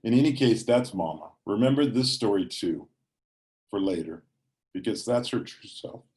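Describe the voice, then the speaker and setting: A man speaking at a conference workshop, reading a personal memoir aloud in a measured, reflective way with pauses. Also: on the low side, lively intonation, darkish tone.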